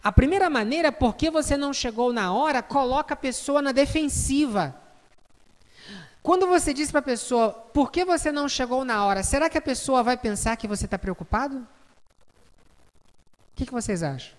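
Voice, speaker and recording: A woman's voice: sits high, animated, moderate pace. Brazilian woman teaching in a reverberant hall. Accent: Brazilian Portuguese. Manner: explains with examples and asks the audience questions. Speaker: instructor. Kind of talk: lecture to a live group.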